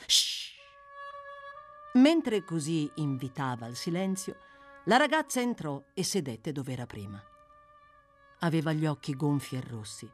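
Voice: mid-range voice, sing-song, normal speed, a little mellow, soft background music. An audiobook narrator reading a classic novel with dramatic, varied delivery. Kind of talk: expressive scripted narration.

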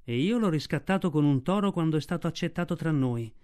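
A man voicing a calm, loyal male panther who speaks in a low, quiet way in a storybook reading. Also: quick pace, close to an everyday voice. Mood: firm.

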